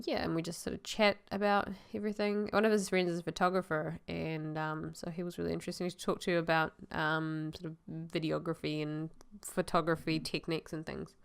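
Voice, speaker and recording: A woman's voice: fairly low pitch, a bit bright, clean tone. A woman giving casual, rambling voice-over commentary as a vlog host, hesitant and sounding a little congested and choked up with a cold.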